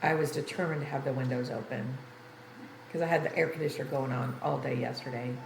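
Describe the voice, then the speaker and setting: This older woman game livestreamer has a creaky bass voice that runs fast with fairly even intonation. Tired and congested, she rambles conversationally to viewers from a room in an apartment. A roomy echo and faint background noise are audible.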